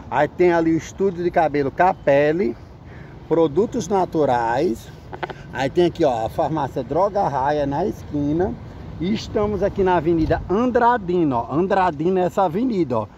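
A man's voice: on the high side, darkish tone, highs cut off. A man giving a casual, exclamatory city tour, tagging his phrases with "ó". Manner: exclamatory, constantly tags phrases with "ó". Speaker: vlogger touring neighborhoods. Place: outdoors on city streets. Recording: noisy street recording with dogs and traffic. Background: barking dogs and passing vehicles.

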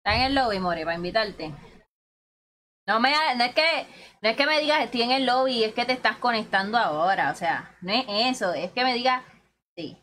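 Bright-voiced woman streaming games. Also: on the high side, expressive, moderate pace. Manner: chatty and teasing, calls viewers "corillo" and "bebesote". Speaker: game streamer. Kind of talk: casual gaming livestream chat.

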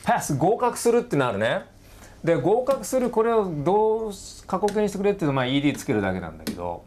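A middle-aged man giving a casual recorded lecture as a teacher, often checking in with the student and slowly sounding words out again and again. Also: high voice, sing-song, darkish tone. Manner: sounds words out slowly, stretching and repeating them. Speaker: English teacher.

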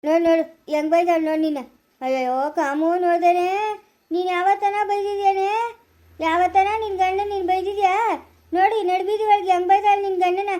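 A woman's voice: extremely high pitch, flat delivery, dark tone. A woman playing a teasing meddlesome villager. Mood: mocking. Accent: rural Karnataka Kannada. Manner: teasing, goading, quick jibes. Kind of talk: amateur village family skit.

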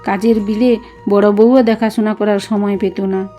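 A woman's voice: mid-range voice, little pitch movement, normal speed, mellow, soft background music, lightly acted. A woman reading as a tender elderly guru.

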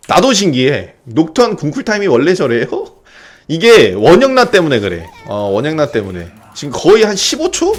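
A young man streaming a video game, giving excited casual commentary, often yelling and swearing during fights. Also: a little high. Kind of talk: excited live gameplay commentary.

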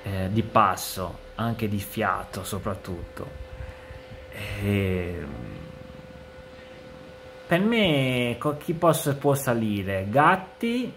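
Slow, halting young man, noisy recording. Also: on the low side, animated, fairly bright tone. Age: 20s. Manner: halting, hesitant delivery with long pauses. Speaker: amateur football commentator. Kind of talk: casual football match analysis. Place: indoors, room with bookshelves. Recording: clear background noise.

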